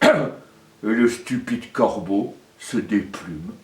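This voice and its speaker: A man's voice: on the low side, lively intonation, drawn-out words. A male storyteller telling a folktale in a rhythmic manner, with sung refrains. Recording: roomy echo, mic far off.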